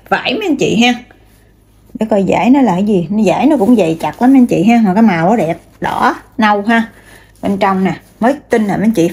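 A woman's voice: mid-range voice, a little mellow, slightly rough. A woman, showing bags one by one and chatting straight to her viewers, with many fillers. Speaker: online seller. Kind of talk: casual product showcase.

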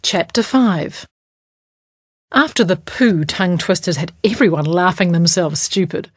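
A woman with a New Zealand accent narrates a children's storybook in a measured way. Her voice sits slightly low. It is recorded close and dry. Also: husky, no echo.

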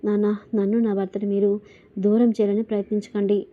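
A woman's voice: medium pitch, level tone, a little fast, phone-quality sound, lightly acted. Woman narrator voicing defiant young wife, Mithuna. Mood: angry. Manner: insistent, confrontational questioning. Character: angry young married woman, fiercely defiant.

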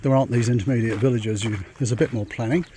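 Noisy and recorded on the move, this clip has a man walking a rural dirt track on a long pilgrimage, chatting casually to the camera about his plans in a meandering, think-aloud style. His voice is medium-pitched, warm, steady in tone, and fast. Rural outdoor sounds surround him.

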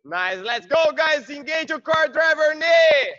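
High-pitched, hard-driving gym-bro fitness coach, male. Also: lively intonation, measured pace, pushed and bright, lo-fi sound. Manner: high-energy gym-bro encouragement, clipped repeated praise. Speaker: group fitness instructor. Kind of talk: workout class coaching, shouted cues and countdowns. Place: large indoor gym, on a video call.

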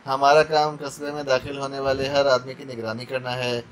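A man's voice: mid-range voice, flat delivery, normal speed, a little hiss or hum, close to an everyday voice. Man voicing a stammering, terrified male captive. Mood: shaken confession. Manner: stammering, pleading. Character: terrified wounded male captive under torture.

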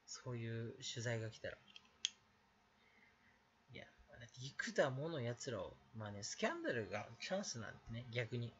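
Ranting young man, swooping animated voice. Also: medium pitch, normal speed, lo-fi sound. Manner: ranting, blunt and crude; talks alone to the mic in bursts. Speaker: aspiring game streamer. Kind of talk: late-night solo chat.

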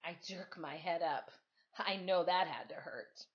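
A middle-aged teacher sits on the couch in her living room, reading a novel aloud for storytime before chatting informally with her pupils. Her voice is lowish and a little slow. The webcam audio sounds dull and lo-fi.

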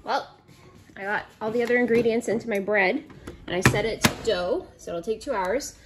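At a normal speed and in a mid-range voice, a thirtysomething home cooking vlogger gives loose, chatty narration as she cooks, dropping offhand comments about herself. It's recorded on a phone in a home kitchen, with clear background noise and kitchen clicks.

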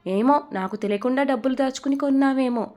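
A woman voicing a nosy young female friend in a storybook romance, nagging loudly and sounding suspicious. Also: sits high, fast talker, soft background music, lightly acted.

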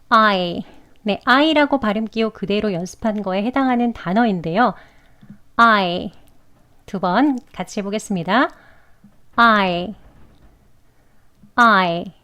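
A woman teaching English pronunciation in Korean, explaining mouth shapes patiently and saying each example word twice. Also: medium pitch. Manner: patient, demonstrates sounds slowly and repeats each word twice. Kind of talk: slow instructional explanation with repeated example words.

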